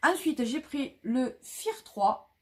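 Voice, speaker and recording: A woman's voice: high-pitched, animated, takes it slowly, slight background noise. Chatty woman showing flea market finds. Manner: chatty, many fillers and restarts. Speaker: vlogger. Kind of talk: casual show-and-tell of flea market finds.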